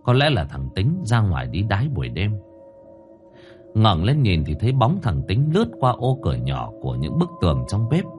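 A man narrating a horror story in an expressive, dramatic way. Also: on the low side, normal speed, over music.

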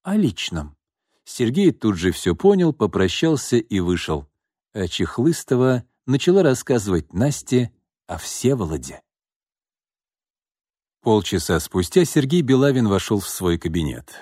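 A man narrating an audiobook novel with an expressive, animated reading. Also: on the low side, a little slow, dry recording, clean studio sound. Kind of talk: scripted narration.

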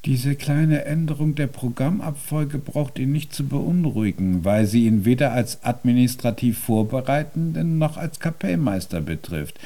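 In a German radio drama, an actor voices a stubborn, imperious Viennese composer-pianist, delivering lines in a formal, deliberate, pompous way. His natural, warm voice sits at medium pitch, and the mood is commanding.

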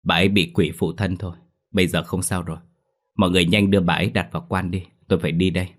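A man's voice: low voice, level tone, quick pace, a bit bright. A man voicing a stern young male exorcist who talks in a brusque, commanding way, in a spoken ghost story. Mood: instructing.

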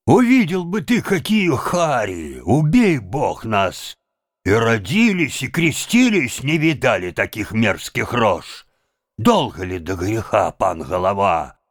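A man's voice: lowish voice, sing-song, slow pace, no echo, clean studio sound, heavily acted. A man voicing frightened village constables who plead and excuse themselves in a storybook reading. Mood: agitated pleading.

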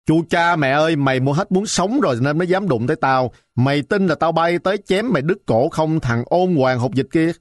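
A man voicing a shrill, sour-tongued old woman who bullies a village market, scolding and threatening. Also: brisk, dry recording, studio quality, lightly acted. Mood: furious.

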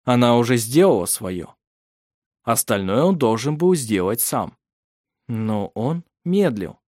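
A man narrates an audiobook with steady, measured drama in his reading. His voice sits at a middle pitch. The recording is dry and close, with no room sound. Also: no room sound.

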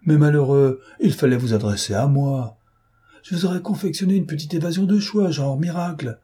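A man reading an audiobook and voicing a mocking, self-assured gentleman thief with a raised, teasing, theatrical voice. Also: mid-range voice, expressive, moderate pace, husky.

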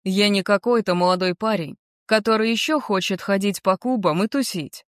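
A woman's voice: mid-range voice, moderate pace, dry recording, studio quality, natural voice. A woman reading as an earnest young man. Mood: earnest, warm. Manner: sincere, gently persuasive. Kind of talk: audiobook character reading.

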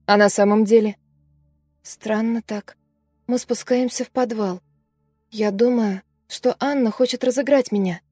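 A shaken young student girl relives a terrifying night, voiced by a woman reading the story. Her voice is fairly high, fragile and breathless, caught close and dry. Faint music plays behind. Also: fairly even intonation, unhurried, a little mellow, husky, no echo. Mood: dreamy recollection. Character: frightened young female student recalling a trauma.

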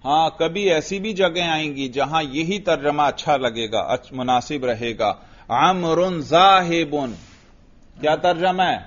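A man's voice: fairly high pitch, few pauses, muffled recording. Patient male teacher drilling grammar. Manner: patient questioning, praising students.

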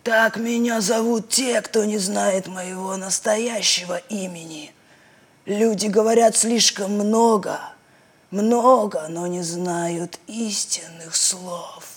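A woman voicing an ancient, brooding male stone island monster, speaking slowly in a low, hollow voice. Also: steady tone, breathy edge. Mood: ominous.

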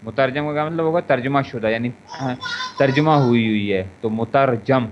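Speaking at a medium pitch, this Arabic morphology teacher with a Pakistani Urdu accent runs an online grammar class, slowly repeating each word and conjugation as a drill. He's heard over an internet voice chat room, the connection dull and lo-fi with a faint hiss underneath.

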